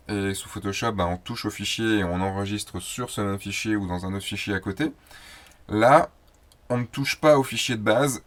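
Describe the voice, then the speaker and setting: A man hosting a photo tutorial, explaining software in a loose, chatty way with fillers and self-corrections. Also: medium pitch. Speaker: host of a photo tutorial show. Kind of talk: casual screen-recorded software tutorial.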